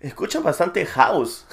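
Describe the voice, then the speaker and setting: A man's voice: fairly high pitch, slow, creaky, a little hiss or hum. Laughing man telling travel stories. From lives in New Jersey. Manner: laughs often, relaxed storytelling. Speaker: podcast co-host, producer. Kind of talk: casual chat.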